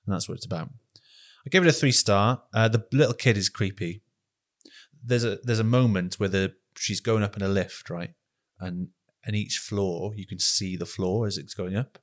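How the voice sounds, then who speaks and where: A man co-hosts a casual film podcast. His voice sits somewhat low, and he recaps films in a chatty, amused way. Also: moderate pace. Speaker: podcast co-host.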